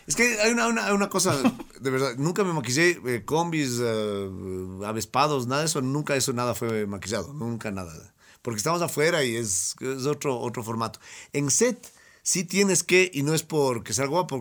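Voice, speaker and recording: A man's voice: medium pitch, animated, brisk, fairly bright tone. Rambling, laughing man. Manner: rambling, self-mocking, laughs often. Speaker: guest. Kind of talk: casual chat.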